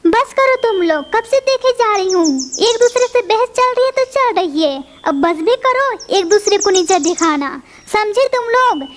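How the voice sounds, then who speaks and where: A woman voicing a sensible female sparrow in a cartoon, calming others down firmly. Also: very high voice, normal speed, hardly any pauses, a little hiss or hum. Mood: stern. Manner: calming but firm. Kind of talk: cartoon voice acting.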